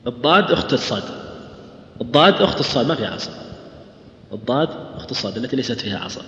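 A man teaching a tajweed class in a lecture hall. He explains quickly, asks his students questions and recites verse slowly. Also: medium pitch, lively intonation, a bit bright. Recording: echoey hall, dull lo-fi sound, faint hum.

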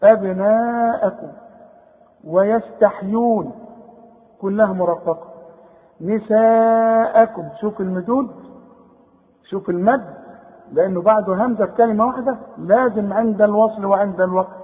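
A high-voiced man with an Egyptian accent coaches a student through recitation. He explains each rule patiently, checks in with short questions, and draws out the words he recites. The sound is thin and phone-like, with a long echo. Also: fast talker. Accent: Egyptian Arabic. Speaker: Quran recitation teacher. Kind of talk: one-on-one recitation lesson.

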